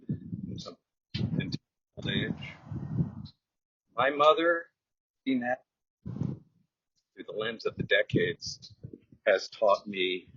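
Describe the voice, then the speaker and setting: A very deep-voiced, husky middle-aged man speaks slowly and thoughtfully in a memorial eulogy, pausing between phrases. His voice is dry and close to the mic. It comes through dull lo-fi video call audio. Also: a bit bright, dry recording. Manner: slow and reflective, with pauses. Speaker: son giving a eulogy. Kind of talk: memorial eulogy, partly read from notes.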